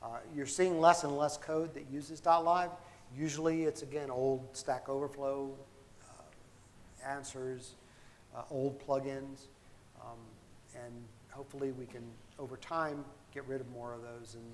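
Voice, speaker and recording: A middle-aged man speaks at a medium pitch from a conference stage, relaxed and full of ums and self-corrections. His voice carries a long hall reverb with a faint hiss of noise underneath. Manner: conversational, frequent ums and restarts. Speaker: keynote speaker. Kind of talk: conference talk with audience Q&A.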